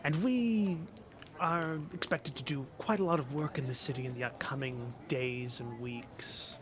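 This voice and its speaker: A man's voice: medium pitch, background noise. A man playing a tabletop game, joking and laughing often as he narrates his character. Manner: giggly, quick to laugh. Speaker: player.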